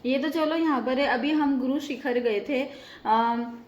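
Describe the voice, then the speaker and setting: A woman's voice: sits high, unhurried, reverberant, lo-fi sound. A woman hosting a casual home vlog, chatting to viewers and explaining at length with many fillers. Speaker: vlogger host. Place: home balcony.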